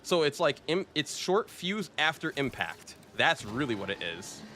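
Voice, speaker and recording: A man's voice: fairly high pitch, sing-song, a little slow, bright, forceful tone, slight background noise. A man streaming a shooter game, chatting casually and laid-back, throwing in "bro" and "dude.". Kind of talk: casual gameplay commentary.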